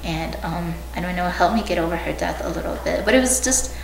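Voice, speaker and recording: Speaking fast in a fairly low, creaky voice, a young woman from China and the United States shares personal memories as an oral history interviewee, casual and hedging. The recording sounds roomy and distant, with faint background noise.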